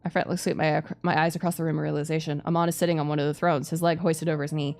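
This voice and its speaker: Low-voiced, slightly creaky woman narrating. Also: little pitch movement, rapid-fire, darkish tone. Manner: stumbles over hard words and repeats them. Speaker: streamer reading a visual novel aloud. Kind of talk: dramatic narration of game text. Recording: music behind the voice.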